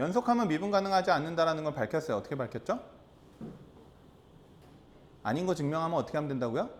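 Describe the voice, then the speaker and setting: A man teaching a high school math lesson, repeating key terms and asking the class rhetorical questions. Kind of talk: classroom lecture.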